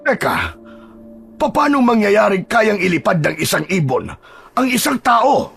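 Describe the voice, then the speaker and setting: A man voicing a gruff middle-aged village chief who questions sharply and warns of danger. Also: high voice, big pitch swings, measured pace, fairly bright tone, soft background music, pitched above the performer's own voice, heavily acted. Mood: skeptical. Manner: brusque, questioning, cautioning.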